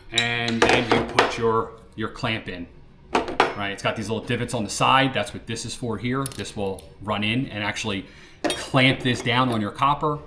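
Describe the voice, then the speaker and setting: A man's voice: mid-range voice, noisy background. A man casually demonstrating a hand tool for his DIY channel, checking in with the viewer as he goes. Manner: chatty, checks in with "right?" and "okay?".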